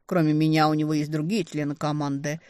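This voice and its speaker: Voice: medium pitch, little pitch movement, fast talker, darkish tone, no echo, clean studio sound, close to an everyday voice. A reader voicing a male dragon, an earnest and worried ally. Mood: concerned. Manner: earnest, concerned.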